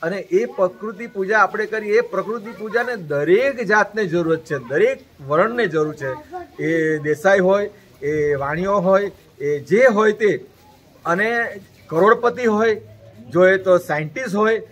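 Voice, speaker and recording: High-voiced man giving an earnest message. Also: unhurried, fairly bright tone, rough recording. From Gujarat. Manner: preachy, repeats points in long lists. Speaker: interview guest.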